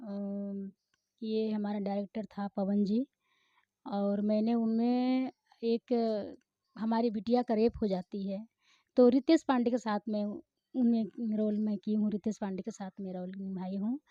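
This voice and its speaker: A woman's voice: medium pitch, level tone, measured pace, dry recording. A woman who acts in films answers interview questions in a chatty, rambling way with many hesitations. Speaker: film actor. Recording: slightly muffled, dry recording.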